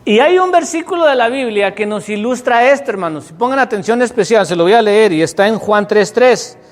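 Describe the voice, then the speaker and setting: A man's voice: sits high, animated, a little fast, big-room sound. A man preaching a sermon, telling stories and asking the congregation questions with rising emphasis. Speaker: pastor.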